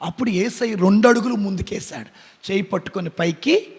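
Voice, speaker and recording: Man preaching, very high husky voice, question and answer with the congregation, long echo of a church hall. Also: fairly quick. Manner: acts out quoted speech in shifting voices. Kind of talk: sermon.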